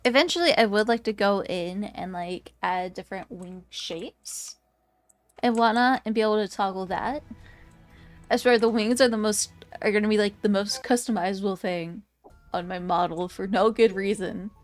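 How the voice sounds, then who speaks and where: A woman's voice: mid-range voice, moderate pace, faint music behind. A woman in her twenties chatting casually with her stream viewers, rambling and giggly with lots of fillers. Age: 20s. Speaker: VTuber streamer.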